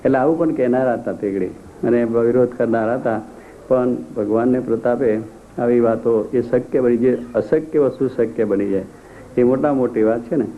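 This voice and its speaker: A man's voice: mid-range voice, moderate pace. A man giving a devotional discourse, telling stories with repeated, emphatic phrases. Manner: storytelling, repetitive emphatic phrasing. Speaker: religious speaker. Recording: tinny phone-like, faint noise.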